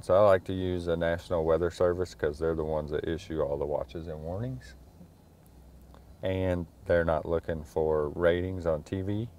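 Driving his truck at night, a middle-aged school superintendent chats casually, thinking aloud with many fillers. He has a deep, darkish voice with fairly even intonation and a normal speed, and faint engine and road sounds are audible.

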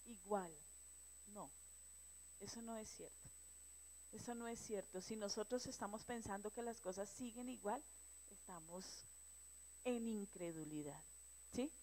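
A woman sharing earnestly with her church prayer group, telling a story with lively rhetorical questions. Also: fairly high pitch, low-quality recording. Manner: earnest, animated storytelling with rhetorical check-ins.

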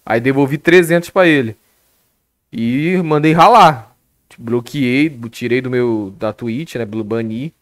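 A man's voice: mid-range voice, slow pace, no echo, studio quality. A young Brazilian man on a live stream telling a story in a casual rant, swearing constantly and talking animatedly into a headset. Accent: Brazilian Portuguese.

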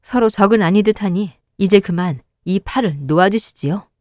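A woman voicing a polite, calm fox woman with a courteous manner. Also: mid-range voice, moderate pace, no echo, clean studio sound, lightly acted. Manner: courteous, soothing.

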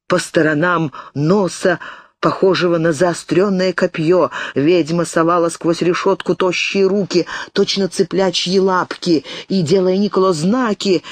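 A woman reading an audiobook in a measured, deliberate manner. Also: fairly low pitch, no echo. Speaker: audiobook reader. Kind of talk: audiobook narration.

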